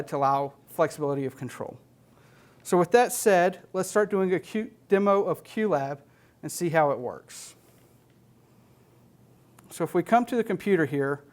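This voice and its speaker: This is an instructional presentation by a thirtysomething man whose American-accented voice sits slightly high. Explaining things one step at a time in a technician's plain, matter-of-fact manner, he speaks from an indoor studio stage fitted with an LED wall.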